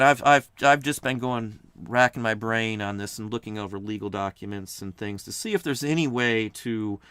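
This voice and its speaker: A man's voice: mid-range voice, sharp tone, clean tone, no room sound. A man hosting a reseller channel, talking casually on a livestream in a rambling way, often repeating himself. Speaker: channel host.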